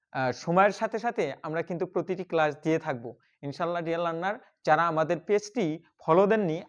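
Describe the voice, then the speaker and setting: A man teaching English pronunciation in a video lesson, calling viewers dear learner and repeating each word slowly for them to copy. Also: on the high side. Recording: slightly dull, lo-fi recording.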